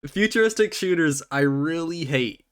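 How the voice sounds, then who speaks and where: A man's voice: a little high, expressive, normal speed, clean tone. Laughing male podcast host. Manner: laughing, stuttering, casual. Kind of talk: casual podcast chat.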